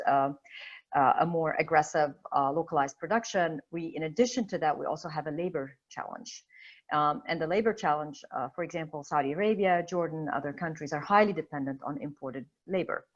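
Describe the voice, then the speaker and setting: A woman's voice: low-pitched, dull audio. A woman from Egypt speaking as a panelist in an online discussion, thoughtful and full of fillers and restarts. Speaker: webinar panelist. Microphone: video call.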